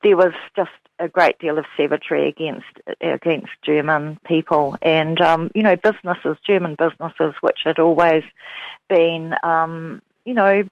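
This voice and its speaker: A woman's voice: sits low, steady tone, normal speed, no echo. A woman novelist, hesitant and full of fillers, talking about her book in an interview. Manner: hesitant, many fillers and restarts. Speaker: novelist guest. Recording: dull, lo-fi sound.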